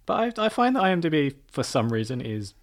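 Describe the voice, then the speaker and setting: A man's voice: fairly high pitch, very animated, fast talker. A man co-hosting a casual podcast chat, reading out a list and chatting with chuckles. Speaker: podcast co-host.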